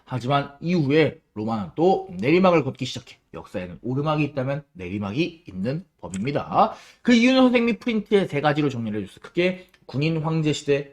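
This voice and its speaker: Lively, high-voiced male history teacher. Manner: lively, asks questions and answers them himself; casual teacher's banmal with students. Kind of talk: classroom lecture.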